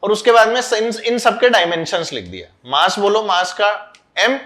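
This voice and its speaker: A man's voice: high-pitched, animated, normal speed. A man teaching a physics class, quizzing and scolding students as he mixes in English terms. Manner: loud, scolding and urging. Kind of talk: classroom lecture.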